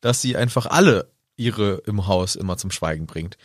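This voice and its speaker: A man's voice: fairly low pitch, normal speed, no echo, clean studio sound. A young man co-hosting a podcast in casual chat, goofy and full of silly jokes. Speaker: podcast co-host.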